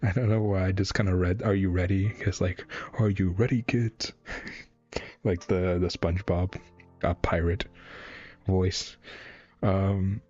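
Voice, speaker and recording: Low husky man on a live stream. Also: little pitch movement, slow, pauses often, a little mellow, lo-fi sound, soft background music. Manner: rambling, many fillers and restarts. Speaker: webcomic reaction streamer. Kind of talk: casual live reaction, reading panels aloud.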